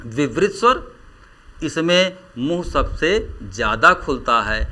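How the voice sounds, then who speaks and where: Male teacher, lecture, bright tone, drawn-out vowel examples. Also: on the high side, expressive. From India. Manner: slow, drawn-out vowel demonstrations. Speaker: Hindi grammar teacher. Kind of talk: classroom lecture.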